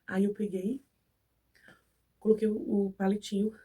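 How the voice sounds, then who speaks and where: A young woman from Brazil, suffering from a cold, speaks at a measured pace in a mid-range, level, mellow voice with a slight roughness, recorded from a distance. Chatting as a vlogger in Brazilian Portuguese, she tells her viewers a personal story and acts out the exchanges.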